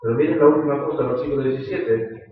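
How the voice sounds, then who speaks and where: A man's voice: mid-range voice, fast. A man with a Rioplatense accent, preaching a sermon as a pastor in an earnest, explanatory way with emphatic rises. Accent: Rioplatense Spanish. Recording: echoey hall, distant, dull sound.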